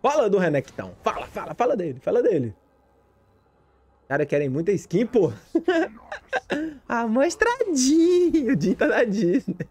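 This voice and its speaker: A man from Brazil, a gaming streamer giving excited, jokey commentary as he plays, repeating his callouts and shouting at big plays. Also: very high-pitched, measured pace, pauses often, husky.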